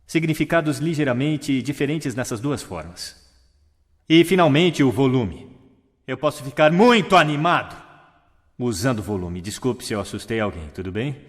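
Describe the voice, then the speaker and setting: A man giving a talk from a stage. He shows his points by changing his voice, going up and down in pitch and from loud to quiet. Every word hangs in the long reverb of a big auditorium. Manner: demonstrative, swings pitch and volume for examples.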